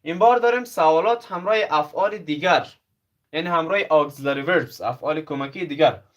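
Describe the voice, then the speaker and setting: A male English teacher, explaining grammar and reading example sentences slowly, each one twice. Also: a little high, lo-fi sound. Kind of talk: bilingual classroom lesson.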